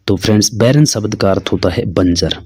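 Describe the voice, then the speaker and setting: A man's voice: on the low side, brisk, darkish tone, breathy edge, no room sound, clean studio sound. A man teaching an exam-prep English lesson, who asks questions and answers them himself. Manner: calls listeners "friends", asks and answers his own questions.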